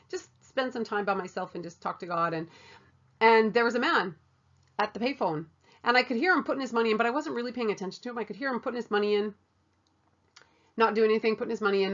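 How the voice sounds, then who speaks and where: Woman, personal testimony, earnest and animated, casual storytelling, middle pitch, slightly muffled recording. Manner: animated, earnest, with many fillers and acted-out quotes. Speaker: mission trip volunteer sharing her story.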